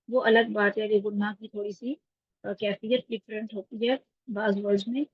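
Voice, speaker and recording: A woman teaching Quran recitation in an online class, patiently breaking each point down and checking in with her students. Her voice is a bit husky. The call audio is muffled and lo-fi, with a dry, close sound. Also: medium pitch, no room sound. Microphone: video call.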